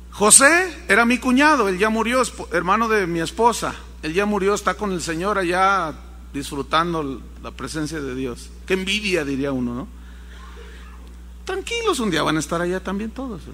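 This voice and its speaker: A man preaching a sermon, telling a story with animated acted-out voices. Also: high voice, in a large hall. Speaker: pastor.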